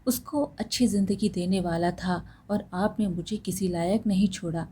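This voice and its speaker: A woman's voice: mid-range voice, steady tone, moderate pace, warm tone, a little hiss or hum, natural voice. Woman doing a sorrowful bedridden young husband. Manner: sorrowful, pleading.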